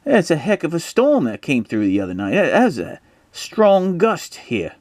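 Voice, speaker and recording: A man voicing a cheery, helpful fellow with a put-on Cockney accent, pitched well above his own voice. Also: wildly swooping pitch, normal speed, darkish tone, no room sound, clean studio sound. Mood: friendly. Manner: friendly, chatty, helpful.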